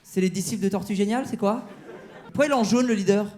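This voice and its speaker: A man's voice: high voice, quick pace, darkish tone. A man doing stand-up crowd work on a comedy club stage, teasing the audience with mock-outraged banter. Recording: live show with crowd laughter.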